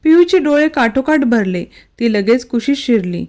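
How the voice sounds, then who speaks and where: A woman narrating a romantic storybook in a steady, emotional reading voice. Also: fairly high pitch, normal speed. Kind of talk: scripted narration.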